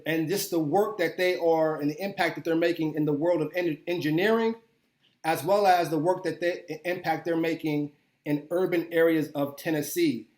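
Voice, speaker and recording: A man's voice: on the high side, reverberant. A man hosting a podcast interview in a casual, upbeat way, often repeating words as he goes. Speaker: podcast host.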